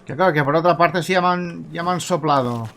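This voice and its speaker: A man's voice: fairly high pitch, fairly quick, gravelly, a bit bright. A man casually commenting as he plays a video game, musing aloud to himself. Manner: musing aloud, chatty asides. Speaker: let's play host.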